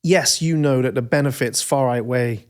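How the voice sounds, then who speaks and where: A man's voice: mid-range voice, moderate pace. A man co-hosting a podcast, talking reflectively about change and teasing his co-host. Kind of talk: casual chat.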